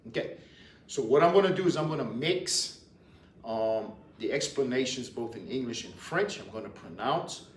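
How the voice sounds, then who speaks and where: A man with a Louisiana Cajun accent teaching an informal language lesson, deliberate and repetitive, with hesitant pauses. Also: mid-range voice, animated. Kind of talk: informal lesson, explaining and repeating words. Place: indoors in a library. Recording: roomy, distant mic, faint noise.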